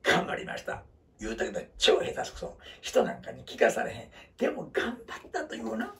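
A vlogger in his seventies with a Kansai Japanese accent talks to viewers in a casual, rambling, self-deprecating monologue, joking and laughing as he goes. His very high, gravelly, slightly bright voice swoops wildly in pitch, runs a little fast, and sounds distant from the mic.

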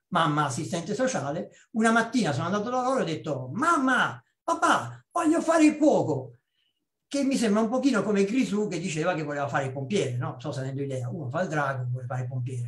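A man in his fifties from Naples, a public speaking trainer giving a chatty webinar talk with personal stories, often checking in with a quick "ok?". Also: a little high, roomy sound. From Naples, Italy. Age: 50s. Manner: lively, conversational, checks in with "ok?" and tosses in blunt asides. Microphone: video call.

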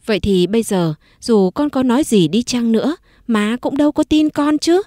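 A woman's voice: on the high side, animated, moderate pace, warm tone, no room sound, studio quality, voice pushed up, lightly acted. A woman narrator voicing a proud, wronged young wife who speaks firmly and bitterly. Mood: pleading. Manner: bitter, firm and pleading.

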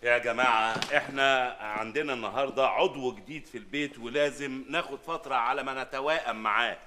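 An actor as a sarcastic, exasperated head of house. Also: male voice, mid-range voice, fast talker, pushed and bright, slight background noise, lightly acted. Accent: Egyptian. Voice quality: sarcastic and impatient. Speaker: actor in sitcom. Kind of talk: sitcom acting.

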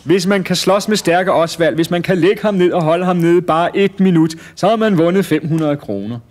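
A man doing a shouting carnival barker. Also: high voice, pitched above the performer's own voice, lightly acted. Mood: hawking. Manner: shouting, hawking. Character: loud adult male carnival barker.

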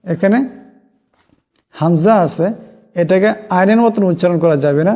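High-voiced man teaching Quran pronunciation. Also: mellow, big-room sound. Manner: slow, repeats each word to demonstrate pronunciation. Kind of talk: spoken Quran pronunciation lesson.

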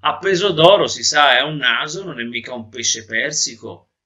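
A man's voice: medium pitch, normal speed, sharp tone, natural voice. A man voicing a stubborn fisherman who is haggling over a price, speaking bluntly and matter-of-factly.

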